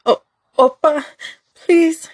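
A woman's voice: sits high, steady tone, drawn-out words, pitched above the performer's own voice. A woman voicing a terrified pregnant young woman, tearful and desperately pleading in an audio drama story.

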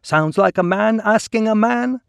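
A man's voice: high voice, unhurried, creaky, clear, resonant tone, no echo, studio quality, pitched above the performer's own voice. A man voicing a mocking, drawling streetwise cop in an audiobook.

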